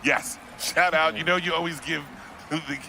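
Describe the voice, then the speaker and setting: A man's voice: a little high, steady tone, normal speed, creaky, noisy background. A man giving casual live play-by-play of a video game tournament, with teasing banter. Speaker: esports commentator.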